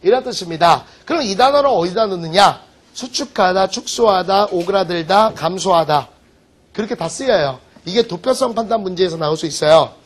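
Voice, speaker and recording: A man teaching vocabulary in an online lecture, joking and teasing his students with quick rhetorical questions. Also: high voice, expressive. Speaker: English teacher.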